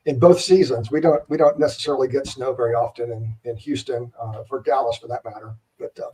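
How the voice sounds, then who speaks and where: A man hosting a casual live-stream interview, relaxed and rambling with plenty of fillers. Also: mid-range voice, fairly quick, breathy edge, recorded from a distance, poor audio. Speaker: host, interviewer.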